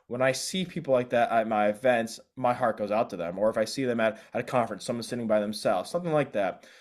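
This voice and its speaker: A man's voice: mid-range voice, fast. A man, a DJ guest speaking earnestly and reflectively, often restarting his phrases. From South Korea. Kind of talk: casual interview chat.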